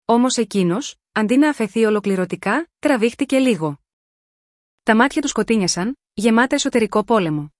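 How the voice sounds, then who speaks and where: A woman reading a scripted first-person romance story in a measured, sensual storytelling manner. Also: a little high, animated, no echo, studio quality.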